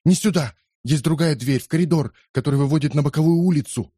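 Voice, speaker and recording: Brief: man reading as an urgent pleading companion, raised pitch, storybook reading. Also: fast talker, warm tone, no echo, clean studio sound, lightly acted. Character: anxious loyal male companion.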